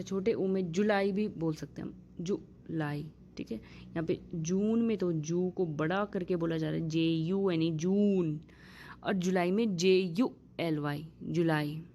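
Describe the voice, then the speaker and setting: Slow, low-pitched woman teaching pronunciation. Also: vocal fry, darkish tone, slight background noise. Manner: slow, patient spelling-out of example words. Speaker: English teacher. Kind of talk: Hindi-language pronunciation lesson.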